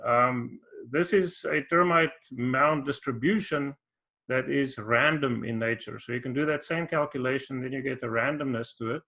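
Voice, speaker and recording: A South African man giving an online workshop talk, unhurried and hesitant, with many ums and restarts. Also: medium pitch, sharp tone. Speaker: workshop presenter. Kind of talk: conference presentation.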